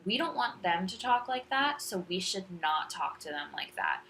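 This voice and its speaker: A woman's voice: fairly low pitch, fairly bright tone, slight background noise, rough recording. A woman teacher giving a casual instructional talk, walking through classroom tips in a chatty, conversational way.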